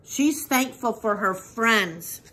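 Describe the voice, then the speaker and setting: Woman, preschool teacher, picture-book read-aloud, very slow, bright tone, patient questions and praise. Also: fairly high pitch, animated, husky. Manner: patient, asks children questions and praises answers. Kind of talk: reading a picture book aloud to young children.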